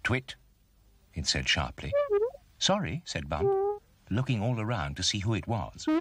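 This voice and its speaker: Deep, animated storybook narrator man. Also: moderate pace, husky, no echo. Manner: expressive, storytelling.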